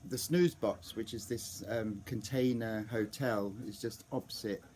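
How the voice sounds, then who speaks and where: A man's voice: lowish voice, fairly even intonation, a little slow, darkish tone, slight background noise. Chatty man rambling about a concert trip. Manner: rambling, full of restarts and ums; acts out overheard fan reactions. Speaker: vlogger. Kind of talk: casual chatty vlog.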